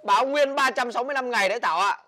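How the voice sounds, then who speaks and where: Guy playing a fed-up big brother, northern vietnamese accent, high bright voice, always nagging. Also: very fast, a little hiss or hum. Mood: exasperated. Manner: scolding, exasperated, loud complaining. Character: young man Hiếu, exasperated scolding older brother. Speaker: actor in comedy sketch. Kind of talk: village comedy sketch acting.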